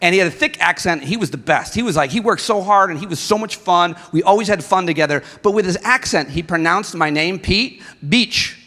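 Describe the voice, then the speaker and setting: A man's voice: high voice, fast talker, hardly any pauses, pushed and bright. A middle-aged man giving an impassioned convention speech with a repetitive rallying cadence. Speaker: guest speaker. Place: large convention hall. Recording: echoey convention hall with crowd.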